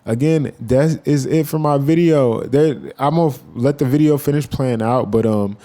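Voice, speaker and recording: A man giving casual, profane reaction commentary as a YouTuber, rambling with animated asides. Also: mid-range voice, normal speed.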